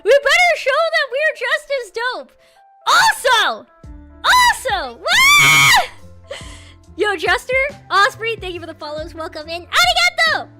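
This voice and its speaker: Very high, bubbly cute anime streamer woman. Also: very animated, moderate pace, music in the background. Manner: swings from loud shouts to quieter muttering. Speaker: streamer and host of a live stream. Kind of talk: casual live-stream chat with viewers.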